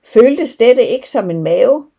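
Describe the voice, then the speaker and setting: A woman's voice: on the high side, expressive, vocal fry, mellow, slightly rough, voice pushed up, full character voice. A woman voicing a curious, insistent unborn twin boy who coaxes his brother with eager questions. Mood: coaxing.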